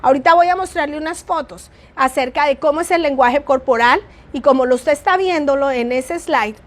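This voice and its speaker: A middle-aged woman with a naturally soft voice, teaching an online church class and shifting her tone and volume for emphasis. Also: high-pitched, fairly quick. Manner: varies tone and volume for emphasis, addresses listener as "mi amado".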